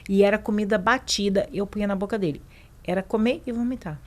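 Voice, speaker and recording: A woman's voice: mid-range voice, quick pace. A middle-aged woman from Brazil with a Brazilian accent, a mother telling her story earnestly as a podcast guest. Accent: Brazilian Portuguese. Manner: earnest, reenacts conversations while recounting. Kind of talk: personal storytelling in a podcast interview.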